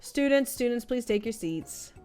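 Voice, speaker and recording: A woman's voice: on the high side, expressive, normal speed, mellow, clear, resonant tone, faint music behind, natural voice. A woman doing a fussy little dog professor. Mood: apologetic. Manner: polite, lecturing. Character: fussy male dog professor, small and tired.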